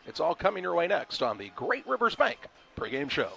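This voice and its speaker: Higher-voiced man hosting a sports pregame. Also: big pitch swings, brisk, creaky, a bit bright, husky. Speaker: play-by-play host. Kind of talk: live sports pregame commentary.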